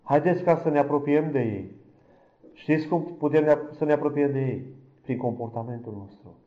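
A man preaching an impassioned sermon, speaking straight to the congregation and swinging between loud fervent cries and hushed, almost whispered passages. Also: a little high, lo-fi sound. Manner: addresses the congregation directly.

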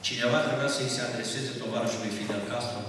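A man gives an emphatic sermon, his bright, forceful voice rising to loud exclamations. He sounds distant from the mic in a large hall with long, heavy reverb and faint ambience. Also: medium pitch, fairly even intonation, a little hiss or hum. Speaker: preacher. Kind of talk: sermon testimony.

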